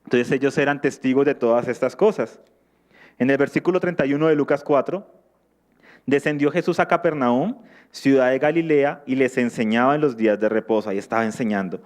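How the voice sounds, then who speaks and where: A man's voice: medium pitch, a little fast. A male preacher teaching from the Bible in a sermon, reading scripture aloud and asking his listeners questions before answering them.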